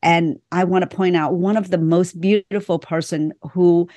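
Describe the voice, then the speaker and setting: A middle-aged woman from Vietnam with a Vietnamese accent talks about her life as a guest on a podcast. Her voice sits a little low and sounds dry and close to the mic. She speaks earnestly, in short, heartfelt phrases. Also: steady tone, normal speed, warm tone, dry recording. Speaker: author and guest. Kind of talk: podcast interview.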